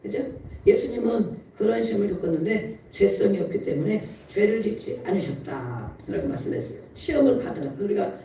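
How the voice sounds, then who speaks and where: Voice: medium pitch, sing-song, a little fast, dark tone. Pastor preaching in a very echoey hall. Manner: acts out heartfelt, pleading prayers in a raised voice; often laughs while preaching. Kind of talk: sermon. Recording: very echoey room, voice far from the mic.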